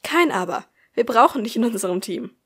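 A woman reading an audiobook, voicing an excited, breathless teenage girl who is bossy and cheerful. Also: a little high, moderate pace. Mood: eager. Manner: loud and eager.

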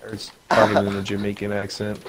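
A man's voice: lowish voice, completely flat delivery, fast, over a noisy crowd, heavy background noise. A man in casual gaming chat, cracking crude, teasing jokes at his friends. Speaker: gamer.

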